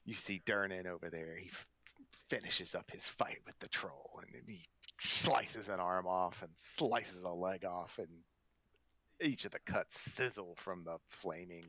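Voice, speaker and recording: A man who runs a tabletop game and narrates in a relaxed, rambling way, often restarting his sentences. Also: low voice, no room sound. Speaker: game master.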